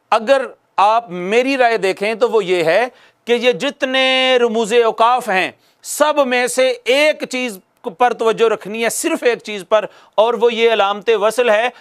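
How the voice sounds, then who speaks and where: A man with a notably high voice teaches Quran recitation in a video lesson. He speaks patiently to his viewers and repeats key phrases for emphasis. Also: fairly bright tone, clear, resonant tone. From Pakistan.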